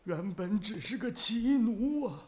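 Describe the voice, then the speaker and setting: A man's voice: sits high, animated, unhurried, a little mellow, a little hiss or hum. A man playing a dying, loyal old general in a historical drama, pleading humbly with his emperor in a weak voice that slips into whispers. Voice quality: husky, weak, breaking into whispers. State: frail and dying.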